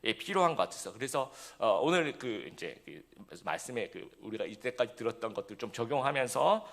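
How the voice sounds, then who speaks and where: Gravelly, lively male pastor preaching. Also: medium pitch, a little fast. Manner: conversational preaching with frequent fillers and rhetorical questions. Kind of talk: sermon.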